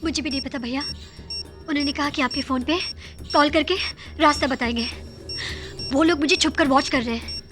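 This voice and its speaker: A woman's voice: high voice, moderate pace, pauses often, over music, close to an everyday voice. An actress playing a frightened young woman strapped to a bomb, speaking urgently and pleading. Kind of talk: Hindi film comedy acting.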